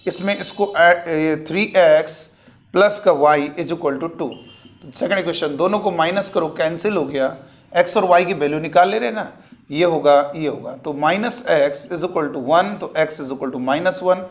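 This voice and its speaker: Maths teacher, high voice. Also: male voice. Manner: explains step by step, asks and answers his own questions. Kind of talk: exam problem walkthrough.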